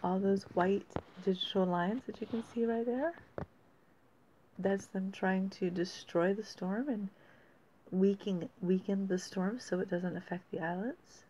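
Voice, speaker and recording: A woman giving casual, unscripted commentary as host of an amateur weather report, speaking haltingly and thinking aloud with pauses. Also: mid-range voice, warm tone. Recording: dull lo-fi audio with faint noise.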